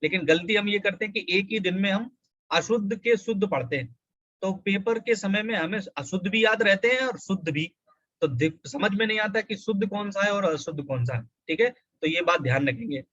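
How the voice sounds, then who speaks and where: A man with a fairly high voice gives an exam-prep lesson, walking through each word patiently and pausing often to check that the point has landed. The sound is dry and close, a little dull and muffled. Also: a bit bright, no echo. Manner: explanatory, repeats key points with "ठीक है". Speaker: Hindi teacher.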